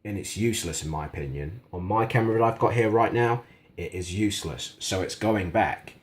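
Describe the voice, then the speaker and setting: Brisk and lowish in voice, this man reviews a gadget indoors in his kitchen. He keeps the demonstration conversational and casual while voicing frank criticism.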